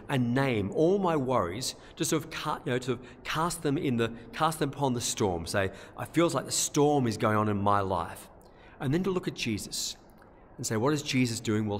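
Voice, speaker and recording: A man, a priest giving a gentle, conversational homily in a church, often repeating himself. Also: medium pitch, slight background noise. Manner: gentle, conversational, with frequent repetitions. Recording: long church reverb.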